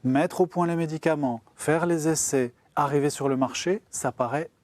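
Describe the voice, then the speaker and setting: Homme expliquant simplement, comme à un enfant. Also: male voice, fairly high pitch, normal speed, darkish tone, no room sound. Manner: explaining to a child in plain, step-by-step words. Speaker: guest expert on genetics. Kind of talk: explaining science simply on a broadcast show.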